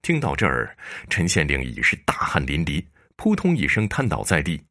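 A male storyteller narrating a dramatic tale in a measured way. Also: very deep voice, wildly swooping pitch, bright, forceful tone.

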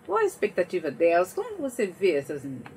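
A woman's voice: on the low side, huge pitch swings, quick pace, a little mellow, slight background noise. A woman hosting a talk show, asking questions in a friendly, curious way. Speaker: host. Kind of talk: casual talk show chat.

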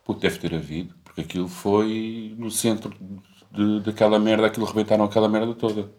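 A man's voice: lowish voice, fairly even intonation, a little fast, dark tone. A young man, chatting casually in a rambling, slangy way full of swearing. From Portugal. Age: young adult. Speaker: podcast co-host. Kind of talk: casual chat.

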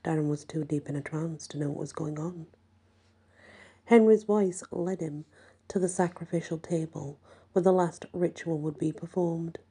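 Hushed, husky woman narrating horror. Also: low voice, steady tone, normal speed. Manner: hushed, often whispered delivery. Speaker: audiobook narrator. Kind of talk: scripted horror story narration.

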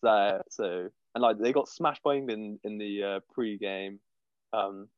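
A man's voice: fairly low pitch, fairly even intonation, unhurried, dry recording. A man co-hosting a casual sports chat, playfully contrarian and rambling. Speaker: co-host. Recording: dull lo-fi audio.

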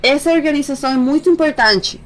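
A woman hosting a podcast, speaking in an encouraging, steady way. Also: high-pitched, fast talker. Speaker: podcast host.

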